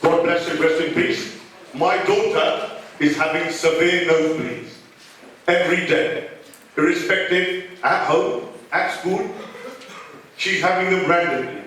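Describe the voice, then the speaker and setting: A man's voice: on the high side, steady tone, unhurried, pauses often. A middle-aged man from London, England, a local resident making an emotional, pleading appeal at a public meeting. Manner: emotional, pleading, rising to shouting. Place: large hall. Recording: very echoey hall from far off.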